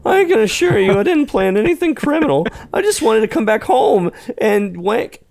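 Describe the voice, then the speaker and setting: A flustered, rambling young homeowner pleads in a high, loud, comically strained voice, as a man puts him on. The pitch swoops widely and has a gravelly edge. Soft music plays underneath. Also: very animated, moderate pace, exaggerated voice. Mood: pleading, nervous.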